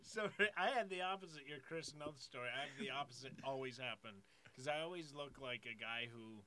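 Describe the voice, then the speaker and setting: A man's voice: mid-range voice, a little fast, sharp tone. A man in casual joking chat, wisecracking and often laughing as he talks.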